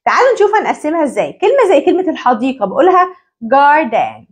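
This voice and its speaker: A woman with an Egyptian Arabic accent teaching parents English syllables, drilling words by repeating them slowly. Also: high-pitched, very animated. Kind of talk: English phonics lesson for parents.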